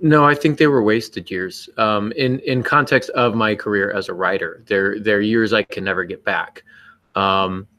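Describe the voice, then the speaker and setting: A man who co-hosts a podcast and writes speaks reflectively, earnest, emphatic, and self-critical. His voice is lowish, steady, and unhurried, with a bright, forceful tone.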